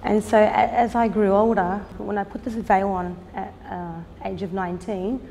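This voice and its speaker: A woman in her thirties talks about her work in an interview, earnest and unhurried, often pausing on "um". Her voice sits mid-range, and the room has a long reverb with faint background noise. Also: mid-range voice, steady tone, creaky, warm tone. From Australia. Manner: earnest, unhurried, with frequent "um" pauses. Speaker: fashion designer and business owner. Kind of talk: documentary interview.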